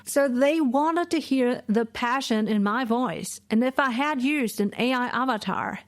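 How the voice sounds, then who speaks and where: A woman's voice: a little high, unhurried, dry recording, clean studio sound. A woman in her forties hosting a solo podcast from her home office, explaining her points in a lecturing way and often adding "right?". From Asia. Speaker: podcast host.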